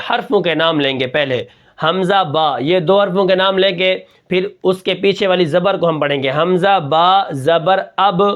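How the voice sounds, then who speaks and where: A male Quran reading teacher, explaining step by step and spelling syllables out slowly with rhetorical questions. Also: sits high, lo-fi sound. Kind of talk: spoken lesson on Quran spelling.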